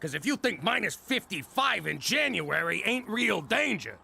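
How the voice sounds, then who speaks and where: A man's voice: sits high, big pitch swings, moderate pace, creaky, noisy background, exaggerated voice. A man voicing a brash, blustering middle-aged ex-mobster in a cartoon, with a New York accent and tough-guy wisecracks. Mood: cocky.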